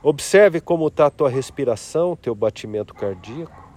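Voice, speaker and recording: A man leading a guided meditation in a slow, soft-spoken, reflective way. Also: medium pitch, expressive.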